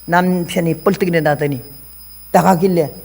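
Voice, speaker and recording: Old korean lady in her 80s preaching, tells stories all lively, acts out the back and forth. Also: lowish voice, moderate pace, breathy edge. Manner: animated storytelling, acting out quoted dialogue. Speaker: missionary preacher. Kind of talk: testimony sermon.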